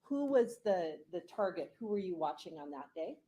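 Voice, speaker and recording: A woman prosecutor questioning a witness in a conversational, somewhat halting way. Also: on the low side, big pitch swings, dark tone.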